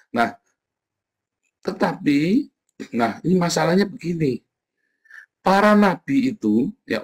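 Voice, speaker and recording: Male pastor, hoarse-edged tone, informal sermon, animated asides. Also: mid-range voice. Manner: lively, folksy, mimics voices, frequent "ya, Saudara". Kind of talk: casual sermon.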